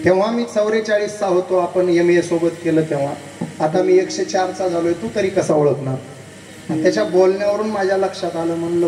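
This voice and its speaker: A man delivering a devotional kirtan sermon, his high voice sounding from a distance across a big hall with a long reverb tail. He tells a story and acts out each side of the dialogue as he talks to the crowd. A faint hum of the gathering sits behind him. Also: mellow. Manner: acts out both sides of a dialogue, addresses the crowd directly. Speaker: kirtan preacher.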